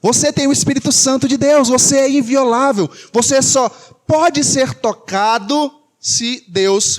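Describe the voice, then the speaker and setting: Man, Brazilian Portuguese accent, sermon, high voice, emphatic, repeats phrases, rhetorical questions. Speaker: preacher.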